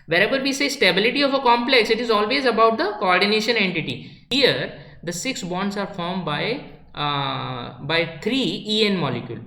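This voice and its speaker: A woman's voice: mid-range voice, animated, normal speed, few pauses, a bit bright. A woman giving a chemistry lecture, explaining step by step and repeating key points, slipping into Hindi now and then. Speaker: chemistry teacher. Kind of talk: classroom lecture. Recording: echoey room.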